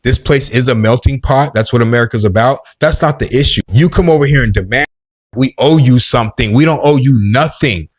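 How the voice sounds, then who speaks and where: A man's voice: mid-range voice, fairly quick. A man delivers heated opinion commentary in a mid-range voice. He is indignant and scolding, and he punctuates his points with a rhetorical check-in. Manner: indignant, repeating "right?".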